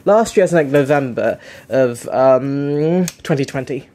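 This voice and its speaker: A young man in his living room gives casual, unscripted unboxing commentary, rambling and hesitant as he keeps correcting himself. His mid-range voice is animated, slow and warm.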